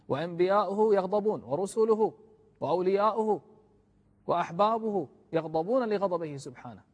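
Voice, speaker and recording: Male preacher, husky, somewhat high voice, swings hushed to forceful, long hall reverb. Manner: swings from soft, hushed asides to loud, emphatic exhortation. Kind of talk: religious sermon.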